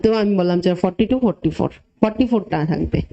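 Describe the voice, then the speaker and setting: A woman's voice: on the low side, quick pace, vocal fry, mellow, dull audio. A woman teacher explaining a lesson step by step, often checking in with her students and mixing English terms into her speech. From Tripura, India. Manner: mixes English terms into Bengali. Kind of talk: classroom lesson.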